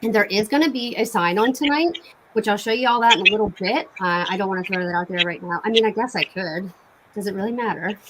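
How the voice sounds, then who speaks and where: A woman talks in a chatty, enthusiastic way, as if selling to friends on a casual live stream. Her voice sits at an average female pitch. There is clear noise and clicking on the home recording. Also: quick pace. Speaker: cosmetics sales consultant hosting online bingo night.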